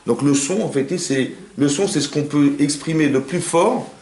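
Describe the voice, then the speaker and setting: A man who is a rabbi giving an informal Torah class in a private home, talking quickly and firing rhetorical questions at his listeners. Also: a little high. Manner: rapid, animated, asks the audience rhetorical questions. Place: living room of a private home. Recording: roomy home recording.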